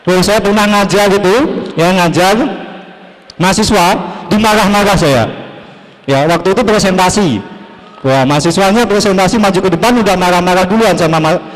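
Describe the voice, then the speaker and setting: A young man from Java performing a stand-up comedy set on a TV stage, telling stories with animated energy and acting out dialogue. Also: high-pitched, normal speed. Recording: reverberant stage hall.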